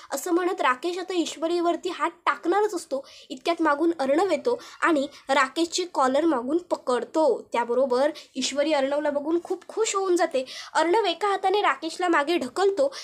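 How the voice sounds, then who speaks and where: A woman briskly retells a TV serial episode and moves the story along. Her voice is high. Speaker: narrator.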